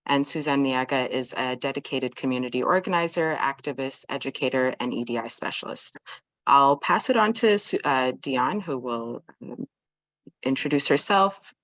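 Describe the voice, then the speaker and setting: A woman's voice: a bass voice, moderate pace, a bit bright, no room sound. A woman opening an online workshop as moderator, reading a formal introduction with fillers and restarts. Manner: hesitant, many fillers and restarts. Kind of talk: formal event opening on a video call. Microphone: video call.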